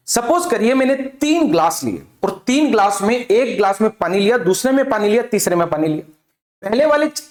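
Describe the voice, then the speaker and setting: A man teaching a chemistry lesson, asking his own questions and answering them, repeating key terms. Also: high voice. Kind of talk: classroom lecture with demonstration. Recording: echoey room.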